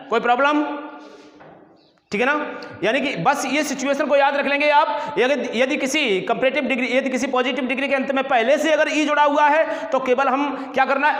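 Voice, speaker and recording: A male English teacher with an extremely high, fairly bright voice gives a grammar lesson, spelling words letter by letter and often checking that students are following. The room is echoey with long reverb.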